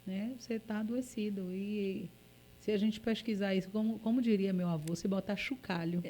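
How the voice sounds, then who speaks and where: A woman with a Brazilian Portuguese accent, a journalist guest on a podcast, chatting in a playful, joking and expressive way. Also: mid-range voice, moderate pace, a little hiss or hum. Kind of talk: casual podcast chat.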